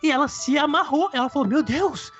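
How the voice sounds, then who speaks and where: Brazilian man, co-host, quick and high, sheepish storyteller, muffled audio, soft music underneath. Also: animated. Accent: Brazilian Portuguese. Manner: quick, sheepish anecdote telling. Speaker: podcast co-host. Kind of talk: casual storytelling chat.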